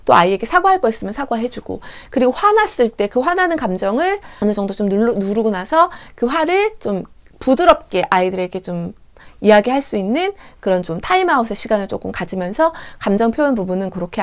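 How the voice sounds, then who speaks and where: An earnest woman teacher lectures other teachers in a clear, instructive way. Her voice is fairly high and very animated, rising and falling as she acts out classroom examples. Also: fast talker.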